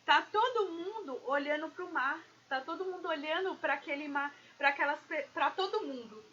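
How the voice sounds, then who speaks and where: High bright-voiced woman consultant on a live stream. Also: normal speed, lo-fi sound, slight background noise. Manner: animated, addresses viewers directly. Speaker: business consultant. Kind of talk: live-stream business talk.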